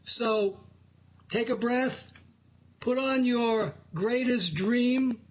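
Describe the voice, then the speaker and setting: A man hosts a spiritual talk show in a measured, preaching manner. His voice sits high and sounds husky. He speaks slowly, and the recording sounds dull and lo-fi. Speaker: host. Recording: dull lo-fi audio.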